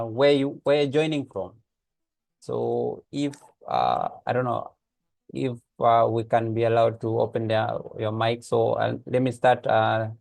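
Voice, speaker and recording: On a video call via his computer mic, a man from Kenya hosts online office hours, greeting participants in a friendly, hesitant manner peppered with "uh". His voice is medium-pitched and creaky, and the recording is dry.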